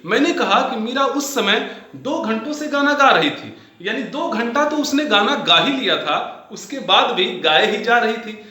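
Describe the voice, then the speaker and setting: A man with a high, bright voice teaches a grammar lesson, talking straight to his viewers. He repeats each example patiently and spells out every step. The room around him rings with heavy echo. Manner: explanatory, repeats examples, addresses viewers directly. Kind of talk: Hindi-medium grammar lesson. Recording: very echoey room.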